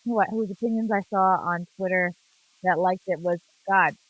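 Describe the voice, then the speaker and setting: A woman chatting casually on a remote call, her voice muffled and low as if heard through a wall from a faulty headset. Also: steady tone, moderate pace. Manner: candid, rambling opinions with many restarts. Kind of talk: casual chat. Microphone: borrowed headphones with a faulty plug.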